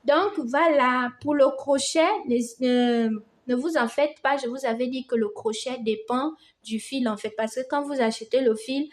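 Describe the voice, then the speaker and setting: A woman from Gabon, a native Fang speaker with a Gabonese French accent, hosts a casual crochet tutorial, warm and reassuring, calling her viewers "les amours." Her voice is fairly high in pitch with a darkish tone.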